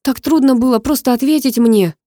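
A woman doing a frantic young man in a spoken storybook, yelling short commands in a warm, mellow voice. The recording is close and dry. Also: high voice, a little fast, dry recording, pitched above the performer's own voice. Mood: urgent. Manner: shouting in short urgent calls. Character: desperate young man, stubborn and protective.

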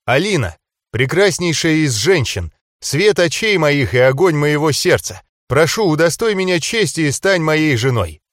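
A man's voice: on the high side, lively intonation, moderate pace, a bit bright, no echo, studio quality, pitched above the performer's own voice. A man voicing an earnest young man who speaks formally and seriously in an audiobook.

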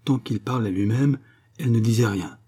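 A man narrating a classic novel in a measured, unhurried reading. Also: mid-range voice, mellow, breathy edge. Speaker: audiobook reader. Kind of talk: literary audiobook narration.

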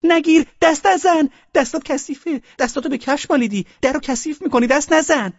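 A man's voice: extremely high pitch, fairly even intonation, dry recording, dull audio, pitched above the performer's own voice. A man narrating an audiobook voices a fussy bride obsessed with cleanliness, who shrieks orders and scolds with disgust. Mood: shrill commanding. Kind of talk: audiobook character voice.

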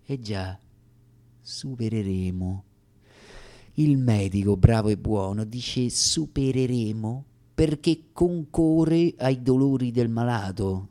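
A man with a warm, mid-range voice performs a comic radio theatre monologue as an actor, using deliberate, wry, dramatic phrasing and pauses.

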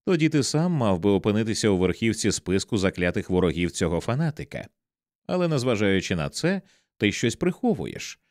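A man's voice: fairly low pitch, very animated, brisk, dry recording. A man voicing an anxious, angry wife who speaks sharply and close to tears. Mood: pleading. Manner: sharp, tearful, pleading. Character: anxious, angry wife confronting her husband.

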